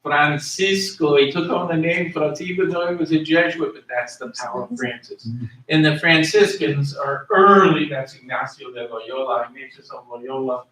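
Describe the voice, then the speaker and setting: A man's voice: on the high side, normal speed, pushed and bright, roomy sound. A man teaching a class in a conversational way, asking his students questions and repeating key words, recorded in a classroom from far off. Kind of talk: classroom lecture.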